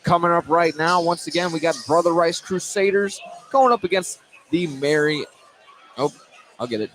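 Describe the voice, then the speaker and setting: A man's slightly high, fairly bright voice carries over the noise of a live gym broadcast at a normal speed. He's an announcer doing casual basketball play-by-play, sometimes fumbling a line and correcting it.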